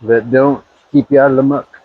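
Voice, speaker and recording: A man's voice: medium pitch, fairly even intonation, moderate pace, dry recording. A man cracks dry, self-deprecating jokes as he walks along a forest trail, heard from a little away from the camera. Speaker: vlogger's hiking partner. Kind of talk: casual banter on a hike. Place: outdoors on a forest trail near a waterfall. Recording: dull lo-fi sound, faint hiss, off-mic.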